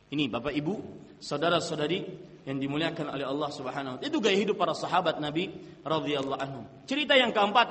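A male preacher giving an impassioned sermon, swinging between loud and soft and chanting quoted Arabic lines. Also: a little high. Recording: long hall reverb.

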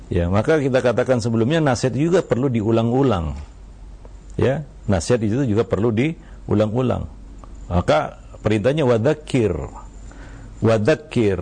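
A man, an Islamic teacher giving religious advice, speaking in a measured way with many small fillers and quoting Arabic verses. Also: medium pitch, gravelly, dark tone, husky. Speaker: Islamic teacher answering questions.

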